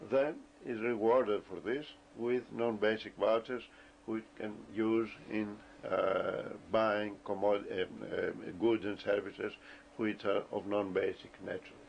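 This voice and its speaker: A man lectures in a low, gravelly voice, working through his explanation slowly, with frequent pauses and hesitations. The recording is dull and lo-fi, with a faint hiss of ambient noise behind him. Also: fairly even intonation.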